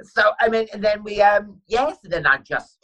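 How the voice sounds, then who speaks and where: A man's voice: high-pitched, expressive, moderate pace, sharp tone. A man telling funny personal stories as a podcast guest, chatty and self-mocking, laughing through his anecdotes. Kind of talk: casual storytelling.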